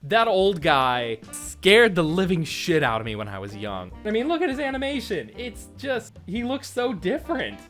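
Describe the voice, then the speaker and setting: A man's voice: high voice, wildly swooping pitch, moderate pace, few pauses, fairly bright tone, faint music behind. A man in his thirties giving casual, enthusiastic, nostalgic commentary as a cartoon reviewer.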